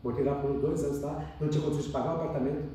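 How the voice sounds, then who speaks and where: A Brazilian man recounts his story at a rapid clip, mellow in tone, repeating phrases and acting out dialogue as he goes. He is recorded from a distance in a very echoey room. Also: on the high side, fairly even intonation, a little hiss or hum. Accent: Brazilian Portuguese. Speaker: podcast guest telling his life story. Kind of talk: emotional personal storytelling in conversation.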